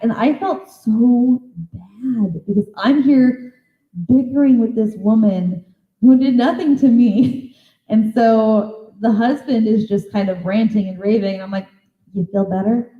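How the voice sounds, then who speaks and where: A woman giving a talk as a psychic medium, telling stories in a lively way and acting out the conversations. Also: on the high side, a little slow. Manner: lively storyteller who acts out conversations. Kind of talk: anecdotal storytelling presentation. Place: convention presentation room. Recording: echoey hall, thin phone-like sound.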